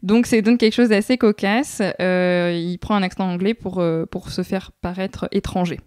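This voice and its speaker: A woman's voice: medium pitch, fairly even intonation, normal speed, a little mellow, clear, resonant tone, no room sound, studio quality. A young adult woman answering as a guest researcher, explaining at length with many thoughtful hesitations.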